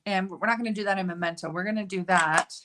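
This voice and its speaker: Speaking quickly at a medium pitch, a woman runs a relaxed live card-making session, chatting through each step and laughing at her own mistakes. There's background noise in the recording.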